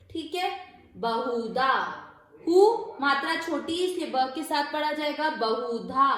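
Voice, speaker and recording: Female recitation teacher, high-pitched, deliberate pace, heavy room echo. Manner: patient, slow, repeats syllables and asks rhetorical questions. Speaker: Sanskrit pronunciation teacher. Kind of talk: step-by-step recitation lesson. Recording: very echoey room.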